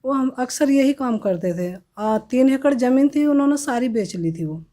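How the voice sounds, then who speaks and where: In an interview, a woman gives a testimony about her own life, telling it plainly and haltingly with many restarts. Her voice is high, animated, and warm.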